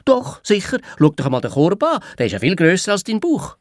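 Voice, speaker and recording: A man's voice: high voice, wildly swooping pitch, fairly quick, dry recording, studio quality, voice pushed up. A man putting on a bossy little girl with a Swiss German lilt. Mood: know-it-all. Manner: insistent, know-it-all. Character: bossy clever little girl, older sister. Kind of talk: children's audio drama reading.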